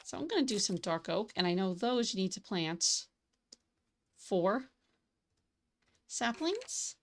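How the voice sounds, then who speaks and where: A woman streaming a building game, chatting and thinking aloud as she works, a little hoarse from losing her voice. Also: mid-range voice, moderate pace. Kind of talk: casual gaming livestream commentary.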